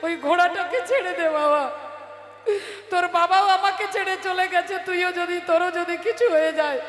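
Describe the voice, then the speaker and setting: A woman's voice: very high-pitched, fairly even intonation, moderate pace, a bit bright. A woman voicing a fearful, protective mother queen who wails and begs her son. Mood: wailing. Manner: wailing, pleading. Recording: reverberant hall, faint music.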